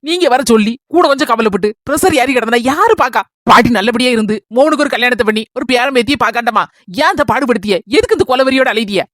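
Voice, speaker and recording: A woman with a Kanyakumari Tamil accent performing a comic village skit. She scolds and nags with a sharp tongue. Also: on the high side, lively intonation, fast, dry recording, studio quality.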